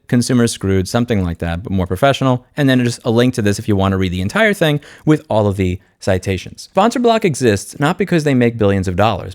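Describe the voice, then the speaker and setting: A YouTube host and consumer rights advocate speaks off the cuff in an unscripted vlog monologue, walking through what's on screen. His medium-pitched, darkish voice is blunt and sardonic, recorded at studio quality with no room sound.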